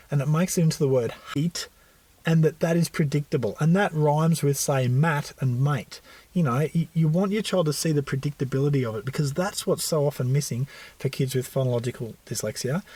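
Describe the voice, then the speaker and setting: Husky-voiced man explaining reading skills. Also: fairly high pitch, dark tone, no room sound. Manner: patient, slowly sounds out example words. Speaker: reading tutor advising parents. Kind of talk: instructional talk to parents.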